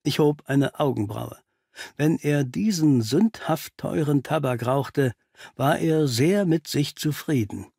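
A man reading an audiobook aloud as a first-person narrator, telling the story in a measured way. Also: fairly high pitch, vocal fry, warm tone, husky, dry recording, studio quality.

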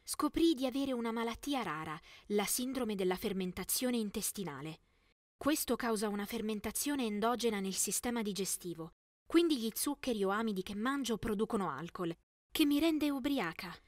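Young woman narrating with a higher-pitched voice. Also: animated, normal speed, no room sound, studio quality. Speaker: narrator of an animated story, as a teenage girl. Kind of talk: scripted first-person story narration.

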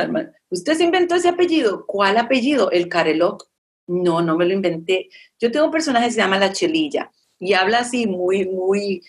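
A middle-aged woman from Costa Rica giving an inspirational, faith-based talk, addressing her listeners directly and acting out other people's voices. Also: mid-range voice. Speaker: motivational speaker.

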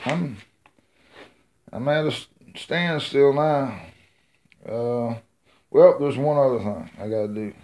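A man's voice: medium pitch, a little mellow, slight background noise. A middle-aged man, rambling and thinking aloud in a casual vlog while he works on an engine in his home garage, filming with a handheld phone. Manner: rambling, folksy, thinks aloud with many uhs. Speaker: home mechanic vlogger. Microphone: handheld phone camera.

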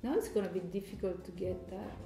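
A woman in her fifties, co-hosting a casual vlog, answering calmly and briefly at a kitchen table. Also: on the low side, fast talker. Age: 50s. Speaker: co-host. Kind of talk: casual chat. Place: home kitchen table, indoors. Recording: roomy home room with faint music.

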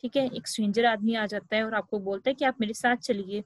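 A woman's voice: on the high side, fairly even intonation, fast talker, no echo, poor audio. A woman teacher with an Indian English accent, taking young children through a lesson and asking them questions as she goes. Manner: asks the class questions, mixing Hindi and English.

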